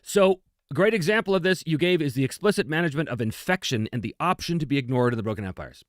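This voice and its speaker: A host, game designer and game master with a fairly high voice and lively intonation talks at a quick pace during a casual tabletop gaming Q&A. He's emphatic, conversational and self-deprecating, and the clean studio audio carries no room sound.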